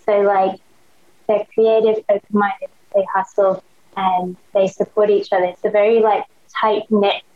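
Her delivery is flat and measured, her pitch medium. This young woman, an Australian podcast guest, chats casually and keenly, full of slang and "like" fillers, on a dull lo-fi recording.

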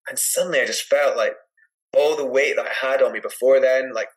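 A Scottish man from Edinburgh, a podcast guest chatting casually and telling a rambling, animated anecdote full of "like" and "you know". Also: mid-range voice, brisk, poor audio. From Edinburgh, Scotland. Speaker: podcast guest, adventure climber. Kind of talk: casual storytelling in conversation.

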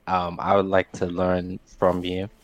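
A man playing a tabletop game, speaking in character in a halting way full of fillers. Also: deep voice, completely flat delivery, slight background noise. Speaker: player.

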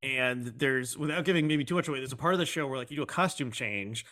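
Male interviewer, hesitant and halting, bright clear voice. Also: medium pitch. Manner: hesitant, many ums and uhs. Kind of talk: casual interview.

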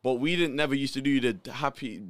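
A man's voice: medium pitch, brisk, fairly bright tone, no echo. A young man with a London accent chatting in casual slang with friends.

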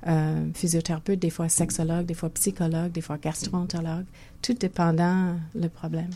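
Guesting on a conversational interview, this older Québécois physiotherapist speaks in a lowish, warm, flat voice at a moderate pace. She thinks aloud, hesitating and restarting sentences, and a little hiss or hum sits in the recording.

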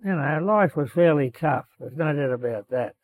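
A man's voice: on the high side, lively intonation, moderate pace, dry recording. An elderly Australian man, a war veteran remembering in an oral history interview, telling his story colloquially and voicing the dialogue. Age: 80s or older. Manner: colloquial, acting out quoted dialogue.

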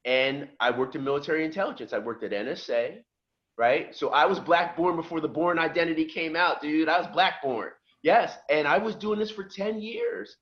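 The recording is muffled, and the man's fairly high-pitched voice moves at a normal speed. Hailing from just outside Philadelphia, this middle-aged podcast guest casually narrates his life, lively and animated as he performs the voices of the people he quotes.

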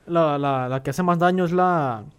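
A man's voice: on the high side, moderate pace, clear, resonant tone. A young man with a northern Mexican accent, chatting casually about video games in slangy, profane speech.

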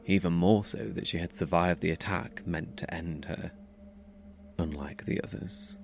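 A man with a low, deep voice reads a horror short story aloud. His delivery is tense and dramatic, building in force through the action. A faint hiss sits under the recording. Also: a little mellow. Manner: tense, dramatic reading that swells in the action scenes. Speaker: narrator. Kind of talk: scripted horror story narration.

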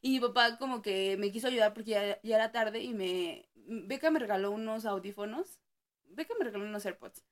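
A woman's voice: medium pitch, brisk. A young woman with a Mexican accent co-hosting a podcast, prompting her sister's stories and laughing along. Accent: Mexican Spanish. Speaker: podcast co-host. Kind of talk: casual chat.

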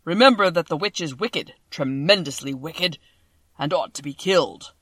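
Woman reader doing a commanding booming wizard head, slow and loud. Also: husky, no echo, studio quality. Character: booming giant disembodied head, stern wizard.

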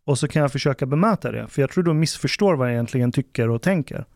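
A man's voice: mid-range voice, no room sound, studio quality. A man hosting a podcast, telling a story in casual chat and acting out what people said. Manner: animated storyteller acting out quotes. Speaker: podcast host.

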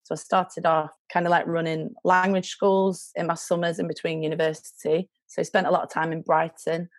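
A young British woman talks casually as a guest on a podcast. Her voice is a little low for a woman. The recording is dry and close. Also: flat delivery, fairly quick, no room sound. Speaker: charity worker, podcast guest. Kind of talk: casual chat.

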